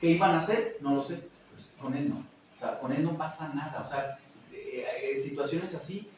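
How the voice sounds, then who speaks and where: A man, a teacher, chatting casually and telling classroom stories in an animated way that acts out other voices. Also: fairly high pitch, normal speed, recorded from a distance. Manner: animated, acts out quoted voices and laughs often. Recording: roomy echo, away from the mic, faint noise.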